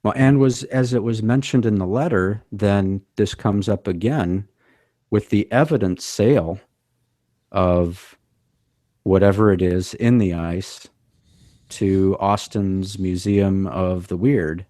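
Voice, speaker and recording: A man talks on a podcast in a fairly low voice. He explains things in a measured, thoughtful way. The sound is dry and close to the mic. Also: mellow, dry recording. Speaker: podcast co-host. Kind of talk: casual chat.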